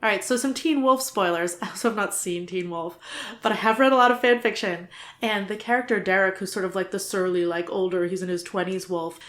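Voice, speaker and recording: A woman co-hosting a casual podcast, talking in an animated way, full of fillers and small laughs. Her voice sits mid-range. The room around her rings with a noticeable echo. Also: mid-range voice, brisk. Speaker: podcast co-host.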